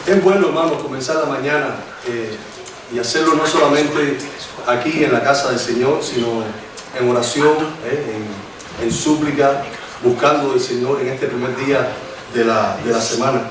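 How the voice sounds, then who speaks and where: Recorded from afar in an echoey church hall with a noisy background, this man in his forties from Cuba preaches and prays with a Cuban Spanish accent. He speaks at a mid-range pitch and moderate pace, hesitantly and informally, often restarting.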